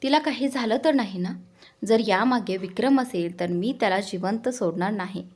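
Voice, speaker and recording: A woman's voice: medium pitch, normal speed, darkish tone, husky, close to an everyday voice. A woman reading a worried young lover. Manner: worried, earnest. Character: anxious protective young man, devoted lover.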